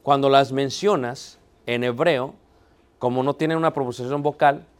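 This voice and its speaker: A man's voice: medium pitch, fairly even intonation, moderate pace, clean tone. A man teaching a theology class, asking the students questions and checking that they are following. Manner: poses rhetorical questions and answers them himself. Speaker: Bible teacher.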